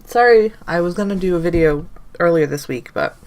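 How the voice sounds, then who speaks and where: A young woman with a low, darkish voice hosts a gaming channel, giving brisk, casual gameplay commentary as she rambles, thinks aloud, and corrects herself along the way. Allergies have blocked her nose, making every word sound stuffy and nasal, and keyboard typing is audible in the background.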